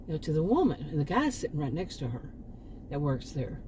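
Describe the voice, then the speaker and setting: Speaking fairly quickly, a channel host from Texas delivers a casual monologue in her Texan accent, her low-pitched voice swinging widely in pitch. She meanders through false starts and side comments while background noise plays.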